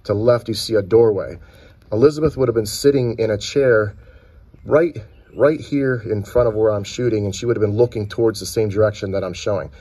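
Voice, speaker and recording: A man's voice: on the low side, a little fast, mellow, husky, no echo. A man filming with a handheld phone outdoors, casually narrating a tour of filming locations and pointing out details. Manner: chatty, pointing things out, restarts often. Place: outdoors and at shop windows in a small town.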